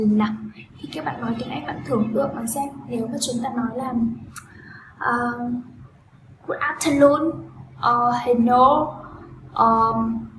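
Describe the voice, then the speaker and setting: A woman teacher, fairly high-voiced, explains a pronunciation point and then drills sounds aloud in loud repeated bursts. Her voice rings around an echoey room over a clear steady hum of background noise. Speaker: English teacher. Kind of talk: pronunciation lesson.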